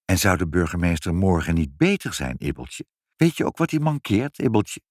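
A man's voice: low-pitched, very animated, normal speed, darkish tone, no room sound, studio quality. A man doing a kindly storybook father. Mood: coaxing.

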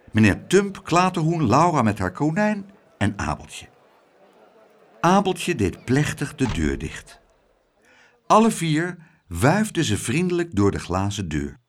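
Male audiobook narrator for a children's story, very animated intonation, lively delivery. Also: a little high.

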